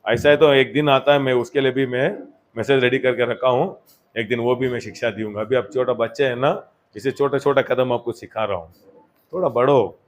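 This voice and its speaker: A man preaches a church sermon, his speech sprinkled with English words. He rises to loud exhortation and then drops back to quieter, conversational asides. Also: mid-range voice, steady tone, normal speed. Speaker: pastor.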